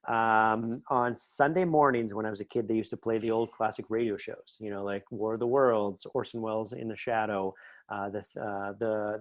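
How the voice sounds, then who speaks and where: A middle-aged man from Northern Ontario, Canada, with a lowish voice appears as a writer on a podcast. He chats casually and enthusiastically as an interview guest, going off on tangents. There's no room sound.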